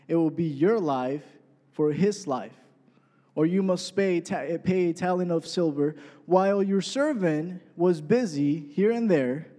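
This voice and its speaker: A man in his twenties with a high, warm voice preaches a sermon conversationally in a church hall, often checking in with the congregation through frequent "right?" asides. The hall sounds echoey.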